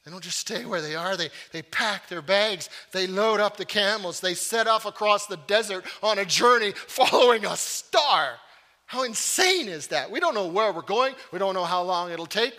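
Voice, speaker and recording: A man preaching a sermon, telling stories with energy, then turning to earnest, quieter appeals, and repeating words as he restarts phrases. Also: high-pitched, lively intonation, moderate pace. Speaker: pastor.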